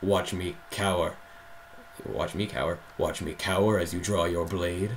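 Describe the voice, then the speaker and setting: A man doing a low, hushed villainess. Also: fairly even intonation, unhurried, slight background noise. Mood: menacing. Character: menacing female sorceress villain, taunting.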